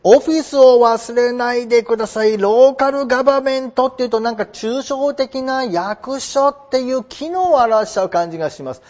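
A man explaining English vocabulary in a chatty lesson, slowing down to spell out words. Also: very high voice, a little mellow. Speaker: English teacher. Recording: dull lo-fi recording.

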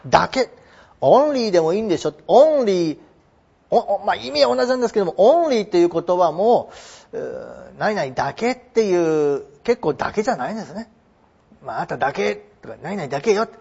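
A man explaining English vocabulary in a chatty lesson, slowing down to spell out words. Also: high voice, vocal fry, a little mellow, husky. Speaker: English teacher. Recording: dull lo-fi recording.

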